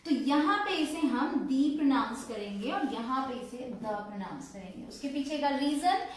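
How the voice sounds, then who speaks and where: Brief: woman grammar teacher, high voice, patient step-by-step explaining, strong room echo. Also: lively intonation, normal speed. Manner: explains step by step, quizzing viewers with questions. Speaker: English teacher. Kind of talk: online grammar lesson. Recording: echoey room.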